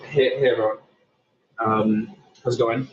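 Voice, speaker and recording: A man's voice: medium pitch, fairly even intonation, measured pace. Man calling in from a tunnel. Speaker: meeting participant. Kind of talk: casual technical discussion. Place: inside a tunnel. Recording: muffled call with faint tunnel noise.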